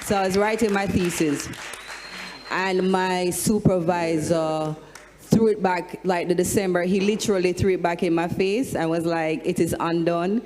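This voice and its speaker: A Jamaican woman, a singer on a discussion panel, telling animated stories and breaking into sung lines. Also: fairly low pitch, moderate pace, a faint crowd. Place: large hall with an audience. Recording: long hall reverb.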